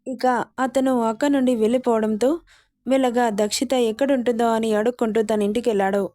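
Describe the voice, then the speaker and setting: A woman narrating a romantic drama story in a steady, dramatic storytelling style. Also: on the high side, fairly quick.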